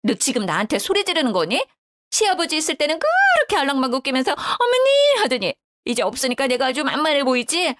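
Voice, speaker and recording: A woman's voice: sits high, lively intonation, fast, hardly any pauses, a bit bright, dry recording, pitched above the performer's own voice. A woman voicing a grumbling older widowed mother-in-law who talks bluntly and reproachfully. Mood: indignant.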